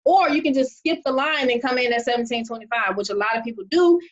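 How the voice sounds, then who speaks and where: A fast-talking woman with a fairly high voice, muffled in the recording, hosts an online call about making money. She stays upbeat and keeps dropping in "okay?" to check on listeners.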